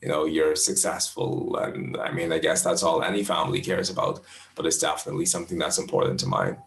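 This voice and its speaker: A Bahamian man in his twenties, a professional astrologer answering interview questions in a thoughtful, measured way, often restarting his phrases. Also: a bass voice, big pitch swings, creaky, reverberant. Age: 20s.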